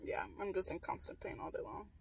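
A woman's voice: fairly quick, distant mic, crowd noise, low-quality recording. A young woman in her twenties, tired, chatting candidly in a parked car at night, recorded by a dashboard camera. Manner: candid, matter-of-fact, many fillers. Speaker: vlogger. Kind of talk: casual chat. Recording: voice a little off-mic in car.

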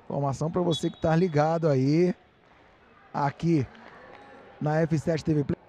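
A man's voice: fairly high pitch, fairly even intonation, measured pace, dark tone, a little hiss or hum. A Brazilian man working as a sports commentator, calling live play-by-play in short, clipped phrases.

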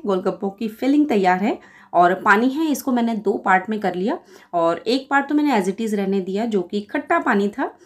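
A woman in her forties from India, explaining a home recipe step by step in a chatty voice-over with small fillers. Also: medium pitch. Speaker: cooking vlogger.

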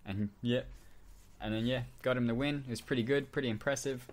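A man's voice: medium pitch, fairly even intonation, a little fast. A man in his twenties, a podcast co-host from New Zealand, chatting casually and rambling, with many restarts and fillers. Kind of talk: casual chat.

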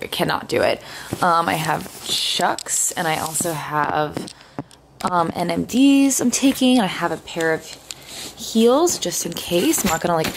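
A woman's voice: fairly low pitch, creaky, slight background noise. A young woman chatting casually in a home vlog, rambling and giggly as she talks to her viewers. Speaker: vlogger.

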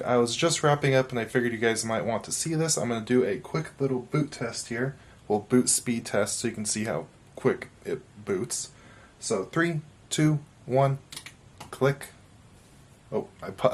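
A man giving a casual hardware review, chatty and quick to laugh at himself, heard through low quality audio from farther off the mic. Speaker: tech reviewer.

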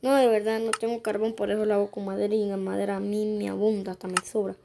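A woman's voice: medium pitch, flat delivery, quick pace, creaky, noisy background. A woman giving casual let's-play commentary, chatting to herself and chanting sing-song rhymes. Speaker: gaming youtuber.

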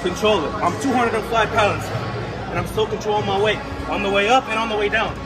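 A man's voice: high voice, a little fast, loud music behind the voice, over a noisy crowd. A young man coaching exercise casually, in short, punchy instructions. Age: young adult. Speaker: workout coach. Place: large indoor gym.

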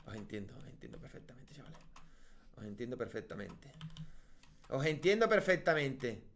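With a sing-song, gravelly and fairly bright voice at an ordinary pace, this Spanish man narrates a relaxed Let's Play for his YouTube channel. He talks to himself and the audience, bursts into high yelps at in-game deaths, and the recording carries slight hiss or hum.

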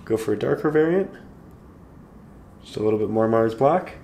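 A man calmly guiding viewers through a step-by-step painting tutorial, slightly hoarse, in an unhurried, encouraging way. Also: on the low side, a little hiss or hum. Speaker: painting instructor.

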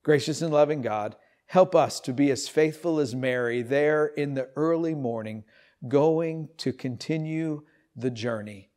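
Animated man preaching in a church. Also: a little high, measured pace. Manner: animated, storytelling delivery. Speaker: pastor. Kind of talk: sermon with scripture reading. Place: empty church sanctuary, indoors.

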